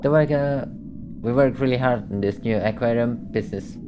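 A man's voice: mid-range voice, normal speed, dull audio, noisy background, close to an everyday voice. A man reading out a posh male seagull who guides players through setting up an aquarium in a game, with a chatty manner. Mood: cheery. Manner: posh, chatty tutorial narration. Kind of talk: reading game dialogue aloud.

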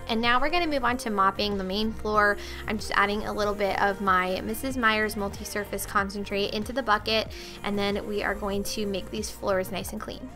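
A woman's voice: medium pitch, fairly even intonation, normal speed, over music. A young woman narrating a cleaning vlog in a chatty, friendly voice-over. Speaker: cleaning vlogger.

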